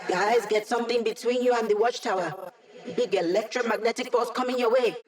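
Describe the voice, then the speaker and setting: An actress playing a brisk, confident young female hacker, giving casual, wry, technical mission support in a video game. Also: on the high side, darkish tone, close to an everyday voice. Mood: urgent. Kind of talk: scripted video game voice acting.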